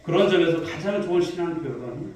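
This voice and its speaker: A male pastor delivers a sermon, fairly high in pitch, with a mellow, warm tone. He asks the congregation questions and tells stories. The recording is very echoey and sounds distant, like a mic far back in a big church sanctuary. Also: animated, fast, a little hiss or hum. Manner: preaching to a congregation, posing questions and telling stories. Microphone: distant mic in a reverberant hall.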